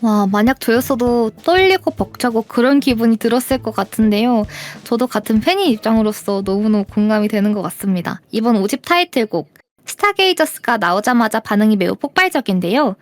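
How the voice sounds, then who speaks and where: A woman's voice: on the high side, lively intonation, brisk, few pauses, no echo. A woman hosting an interview show, presenting from a script in a polite, upbeat streamer manner. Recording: music playing behind. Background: background music.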